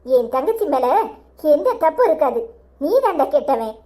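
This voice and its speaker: A high-pitched village wife with a Tirunelveli accent. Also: female voice, sing-song, moderate pace, mellow. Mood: indignant. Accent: Tirunelveli Tamil. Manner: earnest, then sharply scolding. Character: trusting young wife turned angry. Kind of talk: cartoon voice acting.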